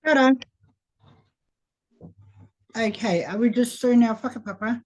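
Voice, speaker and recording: A woman with a Māori New Zealand accent giving a casual, halting introduction of her family. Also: on the high side.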